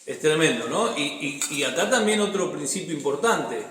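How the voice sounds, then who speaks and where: A man's voice: on the high side, animated, normal speed, crowd noise. A man with an Argentine accent leading a Bible study as pastor, reading scripture aloud and explaining it in a conversational way. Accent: Argentine Spanish. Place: church hall. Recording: echoey hall, reverberant room.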